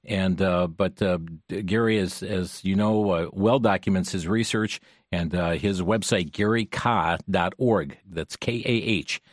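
A smooth talk radio host, a man with a fairly low voice, speaks at a steady, unhurried pace into a studio microphone. His delivery is dry and close, with no room sound, and he fills his pauses with soft "uh"s as he moves between news items and callers. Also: dry recording. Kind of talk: talk radio hosting, taking listener calls.

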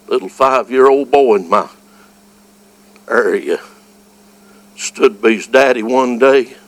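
A mid-range male voice with a Southern US accent fills a fervent evangelical revival sermon, folksy and full of exclamations, rising from quiet storytelling to shouts. The recording is rough.

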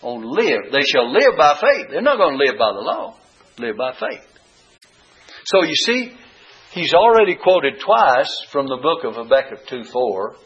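A man teaching a Bible lesson, reading scripture aloud and stressing key words with deliberate emphasis. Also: medium pitch, big pitch swings, a bit bright, husky, lo-fi sound.

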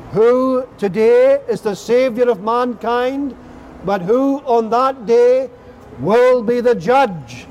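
A man preaching as an open-air evangelist in a loud soapbox manner, solemnly warning his listeners with rhetorical questions. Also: very high voice, muffled recording, a little hiss or hum.

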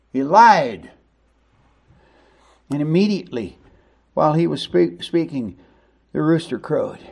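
A man's voice: a little high, big pitch swings, slow pace, gravelly, long pauses, darkish tone, breathy edge. A male pastor preaching a sermon in an emphatic, conversational way, stressing words with bursts of volume.

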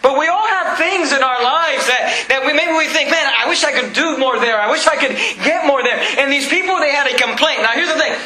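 A pastor delivers an earnest sermon, often stammering over repeated words as he puts questions to his congregation. His voice sits very high and sounds bright and forceful. The recording rings with the echo of a church hall.

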